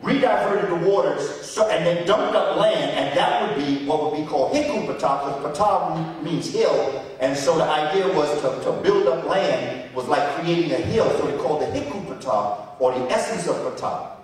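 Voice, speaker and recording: A man with a slightly high voice lectures on history at a moderate pace with few pauses, emphatic and preacherly, repeating words for effect. He's recorded from afar in an echoey large hall.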